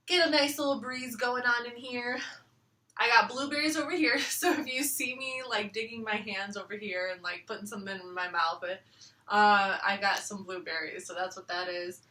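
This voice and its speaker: Bright-voiced woman tarot reader, echoey room. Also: fairly high pitch, far from the mic. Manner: rambling, relaxed, many fillers. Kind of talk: casual chat. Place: living room floor at home.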